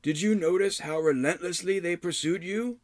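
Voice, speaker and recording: A man voicing a gaunt old male hermit who chides slowly in a high, quavering voice. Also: no echo, natural voice. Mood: chiding. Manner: slow, drawn-out, high quavering delivery. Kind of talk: audiobook character voice.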